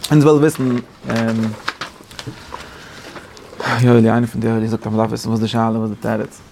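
A man teaching a Torah class in a casual lecturing way, often rising to high emphatic peaks. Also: level tone, moderate pace, vocal fry, warm tone, a little hiss or hum. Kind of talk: Yiddish-flavored Torah class.

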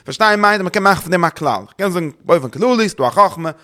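A man's voice: sits high, lively intonation, fast talker, bright, forceful tone. A man giving a religious study lecture, thinking aloud, searching for words, repeating himself and slipping in English terms.

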